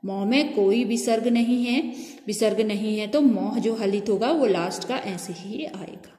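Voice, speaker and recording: A woman's voice: mid-range voice, measured pace, dark tone. A woman teaching a grammar lesson who asks her own questions and answers them, spelling out sounds one by one. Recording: echoey room with long reverb.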